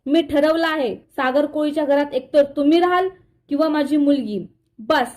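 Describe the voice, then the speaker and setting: A woman's voice: sits high, moderate pace, a little mellow, natural voice. Woman reading a stern, blunt middle-aged mother.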